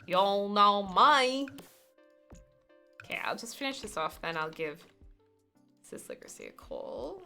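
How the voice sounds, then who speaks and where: A woman live-streamer with a bright, forward voice and a very animated, swinging delivery. She chats in a playful, casual way while she plays, with music running behind her. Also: low voice, normal speed, gravelly. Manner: playful, chatty, slips in and out of put-on accents. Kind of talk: casual live-stream chat while playing a building game.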